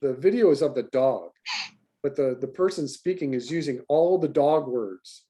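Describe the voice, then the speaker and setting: A man teaching an online animation class in an animated, talkative way. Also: medium pitch, normal speed.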